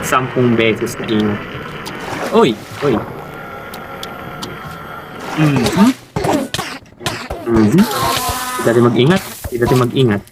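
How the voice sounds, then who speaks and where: A gaming host, giving excited, shouted callouts while playing with friends. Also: medium pitch, slow pace, pauses often, heavy background noise. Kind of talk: live gameplay commentary with friends.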